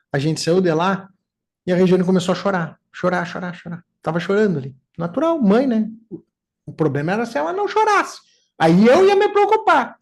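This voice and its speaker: A man's voice: a little high, creaky. A man in his forties with a gaúcho accent from southern Brazil, telling personal stories in casual talk and acting out quotes. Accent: Gaúcho Portuguese. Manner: storytelling, animated, acts out quotes. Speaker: neuropsychoanalyst.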